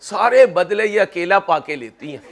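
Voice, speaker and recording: Chatty guy teaching accounts, kinda high voice, cracks jokes at the class. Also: expressive, normal speed, a bit bright. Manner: chatty, joking, addresses students as kids. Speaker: accounting lecturer. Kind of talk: classroom lecture with personal anecdotes.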